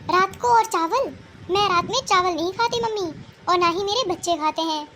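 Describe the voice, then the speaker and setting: A woman's voice: very high voice, moderate pace, a bit bright, a little hiss or hum. Woman voicing a spoiled, petulant cartoon daughter. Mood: demanding. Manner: petulant, complaining. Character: spoiled demanding young married daughter. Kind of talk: cartoon voice acting.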